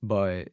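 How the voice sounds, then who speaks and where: A man's voice: no room sound, studio quality. A young man as a podcast guest in a casual chat, laid-back and full of fillers. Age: young adult.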